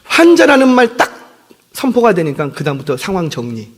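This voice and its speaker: A man's voice: sits high, fairly quick. A pastor in his fifties preaching a sermon in a church. He talks in a conversational way, tells stories with energy and often stops to apologize. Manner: conversational, animated storytelling with self-deprecating apologies. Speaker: senior pastor. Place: church sanctuary. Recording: long hall reverb.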